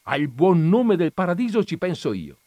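A stern, patient Christ figure, voiced by a male reader in a storybook audiobook, admonishing in a raised, emphatic voice. The pitch swings widely and the delivery is dry and close. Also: expressive, moderate pace, no echo, natural voice. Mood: scolding. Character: Christ on the crucifix, stern yet patient, scolding. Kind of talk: dramatized audiobook reading.

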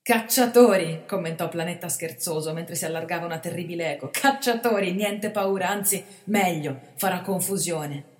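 A woman voicing a bold, stubborn bandit chief who mocks his young companion with calm defiance. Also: sits low, quick pace, hardly any pauses, lightly acted. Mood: jokey. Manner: gruff, mocking, calmly defiant. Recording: reverberant hall.

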